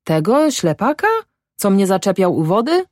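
Brief: brisk peasant wife, woman reader, skeptical, dry close sound. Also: mid-range voice, big pitch swings, dark tone, no room sound, pitched above the performer's own voice, lightly acted. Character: sharp-tongued middle-aged peasant wife. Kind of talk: audiobook character voice.

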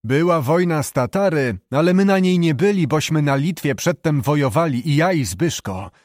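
A man's voice: fairly high pitch, lively intonation, moderate pace, a little mellow, no echo, studio quality, close to an everyday voice. Man voicing old wounded knight Maćko. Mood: plain. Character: old wounded knight, plain-spoken uncle.

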